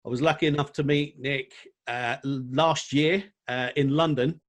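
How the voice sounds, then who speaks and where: A man's voice: medium pitch, steady tone, normal speed. A man hosting a podcast, introducing and bantering with his guest in an enthusiastic, friendly way. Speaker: podcast host. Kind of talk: casual podcast interview.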